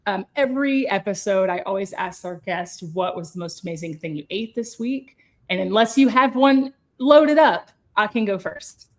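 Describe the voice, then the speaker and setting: A woman's voice: medium pitch, animated, moderate pace. Upbeat woman hosting a food podcast. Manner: upbeat, chatty, enthusiastic. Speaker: podcast host, chef. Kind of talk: casual interview chat.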